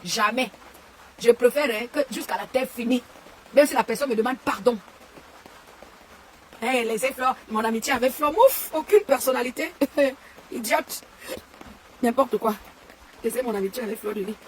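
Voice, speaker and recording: An online commentator from Cameroon rants heatedly on a live stream from her home and garden, hurling insults and repeating herself often. Her voice is a little high, at a moderate pace with frequent pauses, and there is slight background noise.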